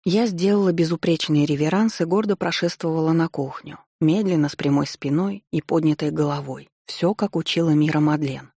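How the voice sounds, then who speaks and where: A woman narrating a first-person audiobook with wry, lively storytelling. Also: low voice, brisk, few pauses, slightly rough, no room sound, clean studio sound.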